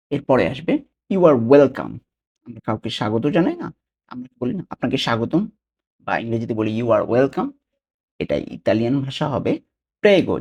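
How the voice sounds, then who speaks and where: A man teaching a language lesson with a dark, mellow voice that has a husky edge. He repeats each word slowly and keeps checking that his listener follows. The recording sounds dull and lo-fi. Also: mid-range voice. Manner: repeats words slowly, asks rhetorical checks.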